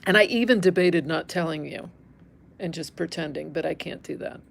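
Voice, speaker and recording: A middle-aged woman from Northern California teaches embroidery on a livestream, chatting candidly with viewers and thinking aloud as her hands work. Her low, gravelly voice moves at normal speed, with slight background noise.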